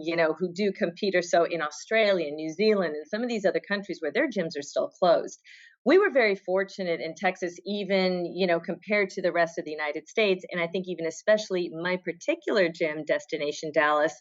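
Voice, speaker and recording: A woman's voice: fairly low pitch, muffled recording. A middle-aged woman from Argentina, a fitness competitor guesting on a podcast, chatting casually and telling stories with restarts and trailing asides. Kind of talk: casual interview chat.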